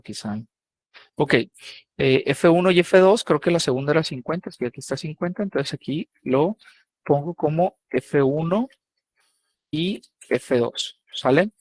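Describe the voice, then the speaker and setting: Casual man teaching signals. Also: a little high. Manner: casual, checks in with "¿sale?" and "¿no?". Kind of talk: live online coding lesson.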